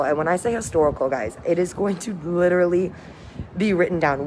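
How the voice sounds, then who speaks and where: A woman's voice: lowish voice, a little mellow. An upbeat, enthusiastic woman cruise director giving a casual livestream update to viewers. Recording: noticeable background noise, windy ambience.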